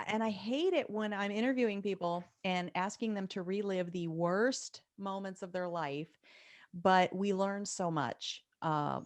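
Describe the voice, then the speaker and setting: A woman hosting an interview in a conversational style, appreciative and leading gently into her questions. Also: fairly low pitch, no room sound. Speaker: interview host.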